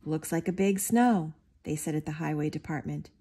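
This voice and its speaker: A woman reading a picture book aloud, giving the characters lively, expressive voices. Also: sits low, moderate pace, breathy edge. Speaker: storybook reader.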